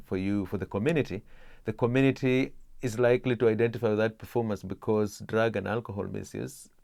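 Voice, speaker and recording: Low-voiced man explaining his work. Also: vocal fry, darkish tone, dry recording. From Kenya. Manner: measured, many "uh" pauses and restarts. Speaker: interviewee, theatre practitioner.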